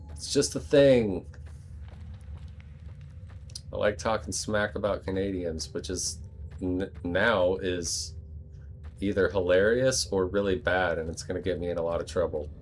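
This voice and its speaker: A man's voice: deep voice, a little slow, long pauses, slight background noise. An American man giving casual, rambling gameplay commentary with joking asides. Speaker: let's play host.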